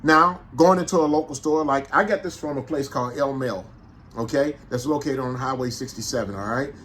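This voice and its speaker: A man with a St. in a casual, animated monologue, making his points with repeated rhetorical questions. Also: medium pitch, a little fast, slight background noise. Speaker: vlogger.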